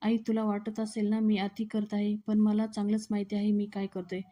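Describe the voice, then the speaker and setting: A woman's voice: medium pitch, completely flat delivery, normal speed, warm tone, highs cut off, close to an everyday voice. A woman reading the lines of a strict young husband who trains his wife, in a stubborn lecturing tone.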